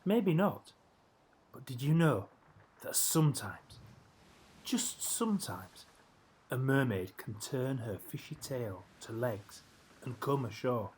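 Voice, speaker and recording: A male storyteller narrates a children's story with measured, expressive phrasing and deliberate pauses. His pitch is medium, and the audio quality is poor.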